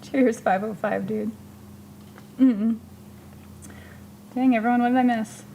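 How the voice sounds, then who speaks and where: A woman's voice: fairly high pitch, fairly even intonation, takes it slowly, creaky, dark tone, slight background noise. A woman hosting a casual livestream chat, reading out and answering viewer comments. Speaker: streamer hosting a hobby chat.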